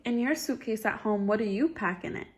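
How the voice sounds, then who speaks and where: Speaking briskly in a voice on the high side, a woman shares a picture book with a child. Her reading is dialogic and encouraging, with the child's replies frequently turned back into questions.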